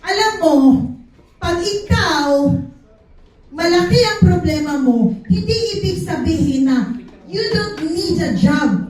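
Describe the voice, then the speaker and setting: A woman's voice: very high-pitched, lively intonation, slow, a little mellow. A Filipino woman preaching a humorous Taglish sermon, playful and sing-song with laughing asides. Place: church hall. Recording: echoey hall, speaker far from mic.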